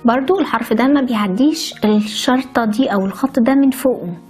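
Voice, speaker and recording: A woman's voice: fairly high pitch, fast, a little mellow, slightly rough, soft background music. A woman with an Egyptian Arabic accent teaches how to write letters. She explains step by step and cheerfully adds chatty stories along the way. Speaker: language teacher. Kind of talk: handwriting lesson with chatty asides.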